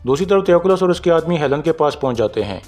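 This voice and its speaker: A man with a Pakistani Urdu accent narrates a drama episode recap in a steady storytelling manner, reading the characters' lines out in his own voice. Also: a little high, fast talker. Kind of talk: scripted narration. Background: faint background music.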